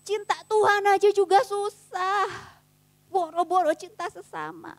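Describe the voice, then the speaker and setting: High-voiced woman preaching casual youth sermon. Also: steady tone, measured pace, dry recording. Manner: casual slangy preaching, swings between soft and fervent. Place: church youth service.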